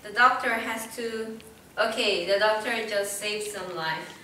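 A woman's voice: medium pitch, unhurried, bright, forceful tone, far from the mic. A young woman narrating and moderating a party game for a group. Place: medium indoor common room, group in a circle. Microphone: distant handheld camera. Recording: noisy echoey room, picked up from afar.

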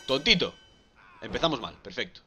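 A man with a Galician Spanish accent commentating his own gameplay on a live stream, excitable and prone to shouting and repeating words. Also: mid-range voice, brisk, husky. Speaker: gaming streamer.

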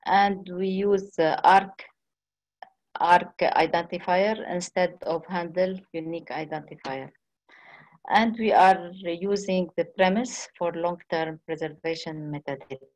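A woman giving a conference presentation on a video call, speaking haltingly with frequent restarts and pauses. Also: fairly low pitch, a little mellow, muffled recording.

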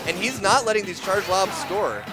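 An esports tournament co-commentator gives casual live commentary on a video game match in a high-pitched voice at normal speed. The live event stream carries game music behind him.

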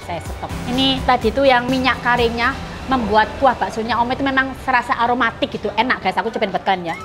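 A woman hosting a food vlog, chatting playfully and with exclamations while eating soup. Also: a little high. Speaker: food vlogger host. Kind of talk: mukbang vlog chat to viewers. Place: small eatery, indoors. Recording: loud music under the voice. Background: loud music.

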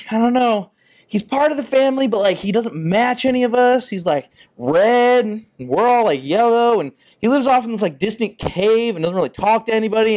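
A young man tells a movie plot as a loose comic rant. His voice sits a little high and swings widely as he leans into mock-outraged asides. He stuffs every sentence with "like.". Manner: chatty, full of "like" fillers, mock-outraged asides. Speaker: comedic monologuist. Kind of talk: rambling comedic movie recap.

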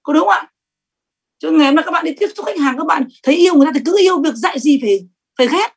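A middle-aged woman giving a sales training talk, lively and emphatic, often asking the audience questions. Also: high-pitched, rapid-fire.

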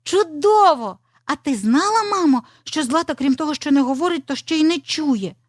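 A woman voicing a little girl fox cub, eager and curious, with a high, lively childlike voice in a storybook tale. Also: normal speed, no room sound, clean studio sound. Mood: excited.

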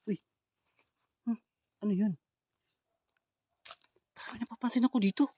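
Mellow-voiced man vlogging in the woods. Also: fairly even intonation, moderate pace, dry recording. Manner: low hushed asides to the camera, then loud urgent calling out. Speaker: ghost hunter vlogger. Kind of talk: live walkthrough vlog addressed to viewers. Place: outdoors in a forest.

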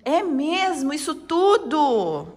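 Woman, kids' channel host, high lively sing-song voice, playful make-believe. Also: takes it slowly, a little hiss or hum. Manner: sing-song, doting, exaggerated. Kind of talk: pretend play with a child.

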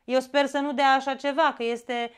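A woman with a Romanian accent teaching an exam-prep grammar lesson, explaining step by step and often checking in with a quick "da?". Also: high voice, little pitch movement, clean tone.

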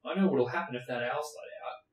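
A man voicing a blustering, bad-tempered middle-aged uncle, slow and bellowing, in a roomy space. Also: mid-range voice, natural voice. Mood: angry. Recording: roomy echo.

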